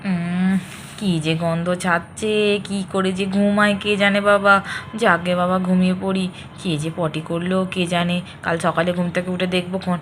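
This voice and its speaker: A woman voicing a grumbling, sleepy middle-aged husband in a home doll-play story, in a lowered voice and muttering complaints. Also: flat delivery, normal speed, a little hiss or hum, close to an everyday voice.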